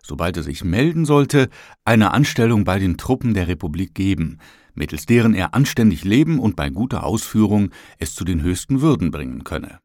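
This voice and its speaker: Guy with a lowish voice reading an audiobook, steady and even, dry close sound. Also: moderate pace, no echo. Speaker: audiobook narrator. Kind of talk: scripted narration of a memoir.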